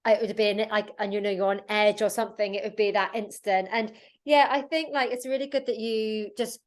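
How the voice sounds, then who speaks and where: A woman's voice: mid-range voice, steady tone, a little fast. A woman hosting a podcast, asking loosely phrased questions in a chatty, conversational way. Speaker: podcast host. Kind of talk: conversational interview.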